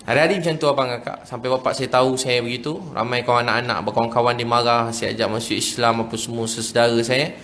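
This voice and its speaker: A man with a Malaysian Malay accent, preaching a sermon as an animated personal story, often chuckling and dropping to a hush. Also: medium pitch, fast talker, a little hiss or hum. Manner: animated storytelling, often chuckling, shifts between lively and hushed. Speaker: religious preacher.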